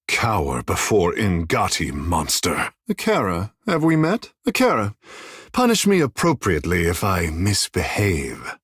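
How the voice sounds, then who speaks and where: Tekēhu, a vain, wildly expressive sea-godling. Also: male voice, medium pitch, slightly rough, no room sound, clean studio sound, full character voice. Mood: defiant, then playful, flirtatious. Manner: theatrical, haughty, florid formal phrasing with tag phrases. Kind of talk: video game character dialogue.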